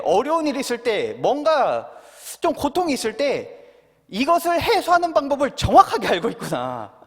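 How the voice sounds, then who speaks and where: A man's voice: high voice, husky. A young man preaching as a pastor at a prayer meeting, talking with the congregation through questions and playing out children's answers. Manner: asks the congregation questions, acts out children's replies. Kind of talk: sermon at a Wednesday prayer meeting. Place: church sanctuary. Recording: reverberant church hall.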